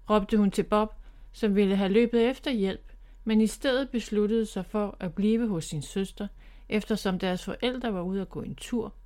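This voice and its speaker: A woman who writes children's books, reading her own story aloud in a clear, gentle way. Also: medium pitch. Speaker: children's author and narrator.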